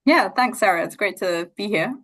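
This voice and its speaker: A woman's voice: medium pitch, expressive, moderate pace, fairly bright tone. A young woman from New Zealand with a New Zealand accent, founder of a charity, talking casually and thoughtfully in an interview, with many fillers and restarts. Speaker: NGO founder, interview guest.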